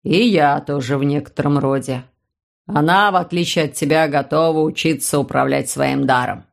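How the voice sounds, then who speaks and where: Audiobook: woman reading as a steady, low, grumbling warlock uncle, dry and reasoning. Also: normal speed, gravelly. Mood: calm.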